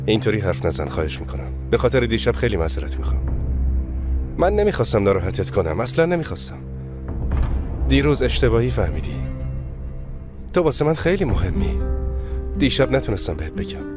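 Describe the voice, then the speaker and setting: A man's voice: fairly low pitch, sing-song, long pauses. A man dubbing a remorseful young man who begs his former love to forgive him. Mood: pleading. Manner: pleading, turns angry. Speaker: dub actor. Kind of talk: Persian drama dubbing. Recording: studio dub with loud music.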